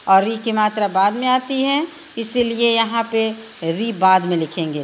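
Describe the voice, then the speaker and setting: A woman's voice: a little high, a little hiss or hum. A woman teacher with a Bihari Hindi accent, patiently spelling out letters one by one in a recorded lesson for children.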